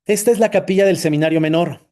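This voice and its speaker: A man's voice: high-pitched, fast, mellow. A man with a Mexican accent, a priest, giving a personal testimony talk with slides, telling his story in a conversational way and often adding tag questions.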